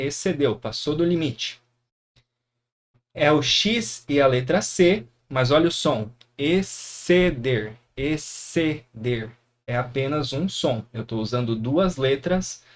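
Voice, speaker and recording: A man with a Brazilian Portuguese accent teaching a grammar lesson, encouraging and often checking in with his students. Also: mid-range voice. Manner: encouraging, frequent tag questions. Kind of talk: classroom lesson explaining grammar.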